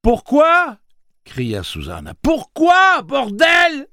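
A frantic, furious woman voiced by a man, strained high, husky and dry. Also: expressive, measured pace, dry recording. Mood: anguished. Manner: shrill, anguished crying out. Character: fierce, frantic young woman.

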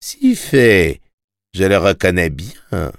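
A man voicing a sinister, mocking male tax collector in a storybook, sly and taunting with sudden loud commands. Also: deep voice, sing-song, slow pace, gravelly, dry recording, studio quality, exaggerated voice. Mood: smug.

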